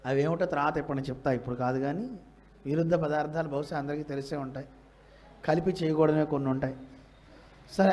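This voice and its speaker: Male preacher, high voice, Telugu accent, quizzes listeners, acts out quotes, spiritual discourse. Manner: questions the audience, acts out quoted lines. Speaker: religious teacher. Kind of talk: Bhagavata discourse to a live audience.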